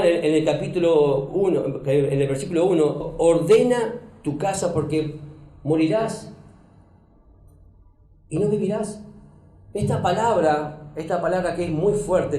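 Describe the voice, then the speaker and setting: A man preaching a sermon in a church, his voice mellow and fairly high for a man. He builds his points with rising emphasis and calls on the listeners to answer back. The sound rings through an echoey church hall. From Uruguay. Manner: preaching with rising emphasis and audience call-backs. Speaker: pastor.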